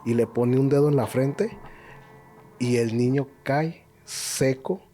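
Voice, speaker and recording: A man's voice: medium pitch, slow pace, mellow, slight background noise. A man on a podcast, chatting casually and retelling old stories, often stopping to restart his words. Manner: hesitant, many restarts and filler words. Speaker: podcast co-host.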